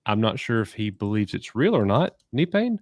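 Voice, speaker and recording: A man's voice: fairly low pitch, very animated, moderate pace, dry recording, studio quality. A man hosting a live entertainment news chat, moving the talk along and putting questions to his co-hosts. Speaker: host.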